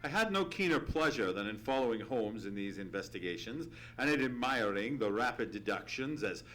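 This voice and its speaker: A man playing an earnest, loyal gentleman doctor who narrates and speaks in a live old-time radio play, formally worded. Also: mid-range voice, lightly acted, low-quality recording. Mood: admiring. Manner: formal, earnest, measured storytelling. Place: live on a theatre stage.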